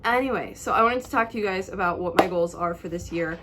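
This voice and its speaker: A woman's voice: on the low side, quick pace, fairly bright tone, slight background noise. Chatty young woman vlogging from her bedroom. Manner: chatty and apologetic, a bit scripted. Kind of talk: casual vlog talk to camera. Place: bedroom at home. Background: toddler noises in the background.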